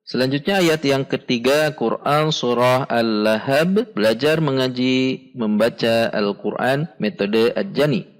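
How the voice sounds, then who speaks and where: A man teaching Quran recitation, patiently spelling out syllables and chanting words slowly and deliberately. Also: mid-range voice. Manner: patient, instructive, repeats corrections. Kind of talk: step-by-step tajwid lesson.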